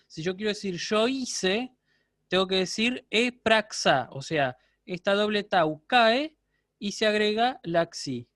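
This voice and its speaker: Guy teaching a class online, high voice, super dry sound, keeps asking "right?". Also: a bit bright, no room sound. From Argentina. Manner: explanatory, keeps checking with students. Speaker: university lecturer. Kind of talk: online lecture.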